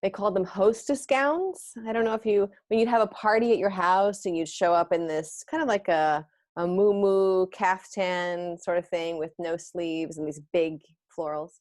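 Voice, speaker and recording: A woman's voice: lowish voice, steady tone, moderate pace, darkish tone. A woman in her fifties hosting a casual video call about fashion, chatty and rambling, often trailing off mid-sentence. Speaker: host.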